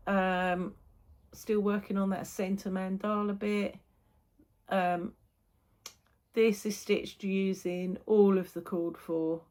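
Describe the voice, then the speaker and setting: A woman with a British accent chatting casually as a vlog host, often repeating phrases for emphasis. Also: medium pitch. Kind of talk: casual chat.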